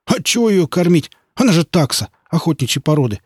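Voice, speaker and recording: A male narrator voicing a gruff, blunt village tractor driver who answers loudly. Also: fairly high pitch, very animated, a little fast, no room sound, studio quality, voice pushed up. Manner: loud blunt retorts.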